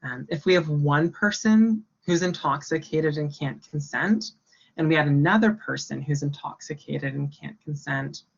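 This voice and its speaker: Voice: medium pitch, moderate pace, vocal fry, slightly rough, highs cut off. A workshop educator explaining a topic to students in a conversational way, with frequent ums and you-knows. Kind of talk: orientation workshop talk.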